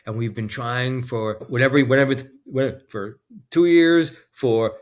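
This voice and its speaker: A man guest in an interview, speaking earnestly and with deep feeling, close to tears at times. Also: moderate pace. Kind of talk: emotional conversation.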